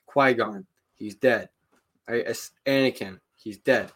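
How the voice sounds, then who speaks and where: A man's voice: medium pitch, takes it slowly, a bit bright, husky. A man co-hosting a casual fan podcast, opinionated and rambling, tagging his points with filler questions. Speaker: podcast co-host.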